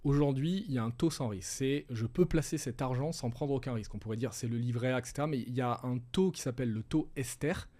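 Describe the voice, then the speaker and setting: A man with a mellow, relaxed voice talks through ideas patiently, one step at a time. He is a middle-aged guest advisor in a casual interview, steady and explanatory. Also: medium pitch, quick pace, hardly any pauses. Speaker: wealth management advisor, guest.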